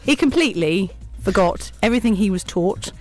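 A woman's voice: mid-range voice, animated, a little fast, darkish tone, soft background music. Bubbly woman hosting radio. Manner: bubbly, giggly, teasing. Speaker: radio show host. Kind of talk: live hospital radio chat. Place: small radio studio.

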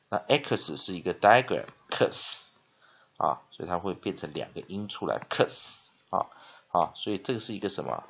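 A man's voice: fairly low pitch, a bit bright, muffled recording. A male English teacher giving a spelling and phonics lesson. He reads dictionary entries aloud, then explains them with frequent "ah" and "ha" fillers.

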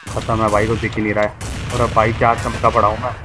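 A somewhat low-voiced man talks over team voice chat in the middle of a match, calling out positions and complaining when things go wrong. Game gunfire keeps rattling in the background. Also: level tone, fast, background noise. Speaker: tournament player.

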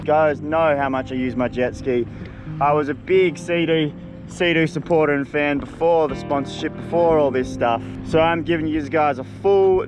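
A young Australian spearfishing vlogger talks excitedly to his viewers from a jet ski at sea, holding an action camera at arm's length. His fairly high voice is full of slangy enthusiasm, with wind and water noise around him outdoors.

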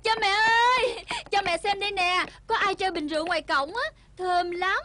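A sweet young wife and daughter, as a woman plays her in a dubbed folk tale. She pleads in a childlike way, with a very high voice. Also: normal speed, pushed and bright, dry recording. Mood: excited.

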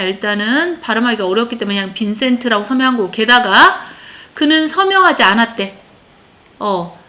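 A woman's voice: on the high side, sharp tone. A woman teaching English to a class of children, explaining a text line by line and often checking that her pupils follow.

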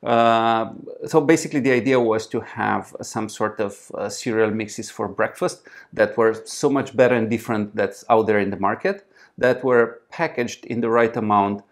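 A man, answering interview questions in English as a startup founder, with frequent restarts and fillers, recorded seated in a small conference room. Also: on the low side. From Romania. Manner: halting, frequent restarts and fillers, gestures while talking.

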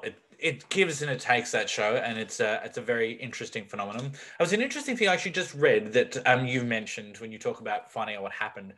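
A man's voice: mid-range voice, fairly bright tone. A man in his thirties interviewing in a casual, chatty way into a podcast microphone in a small room. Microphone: podcast microphone on boom arm.

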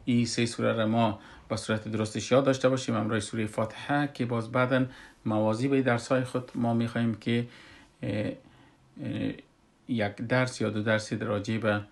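A man with an Afghan Dari accent teaching Quran recitation rules, speaking slowly with many hesitant fillers and breaking into drawn-out chanted recitation. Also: mid-range voice, level tone, creaky. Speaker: tajweed teacher. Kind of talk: slow explanatory Quran recitation lesson.

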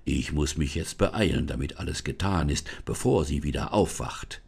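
A man voicing a gentle, unseen male forest spirit, speaking low and hushed in a storybook reading. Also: normal speed, creaky, slightly rough, full character voice. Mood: soothing.

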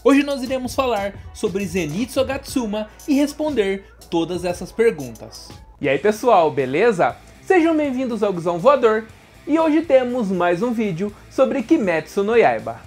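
A woman, hosting an anime channel and narrating a scripted explainer, speaking lively and directly to viewers. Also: medium pitch, moderate pace, faint music behind.

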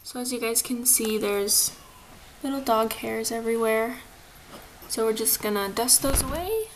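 A woman's voice: a little high, animated, measured pace. Woman, 20s, upbeat casual vlogging, talks to a camera in a bare echoey room. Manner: chatty, upbeat, says "like" often. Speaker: lifestyle vlogger. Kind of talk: casual cleaning vlog narration. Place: small apartment living room, indoors. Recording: echoey room, faint room noise.

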